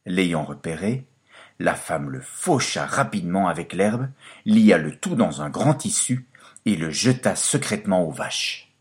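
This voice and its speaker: Man, fairy-tale narrator, very deep voice, lively pitch, expressive storytelling. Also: a little slow.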